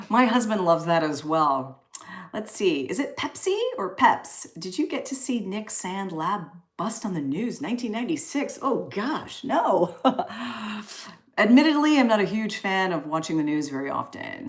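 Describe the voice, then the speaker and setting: Chatty Canadian woman in her forties. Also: on the low side. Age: 40s. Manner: chatty and upbeat, laughing often between comments. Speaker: livestream host. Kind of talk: casual live stream chat reading comments.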